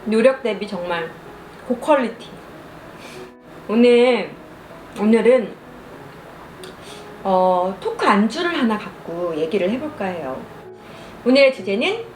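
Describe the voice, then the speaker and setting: Animated higher-voiced woman chatting while eating. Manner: animated storytelling, acts out quoted lines. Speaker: mukbang vlogger. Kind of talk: casual storytelling over food and drink. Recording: roomy echo, music behind.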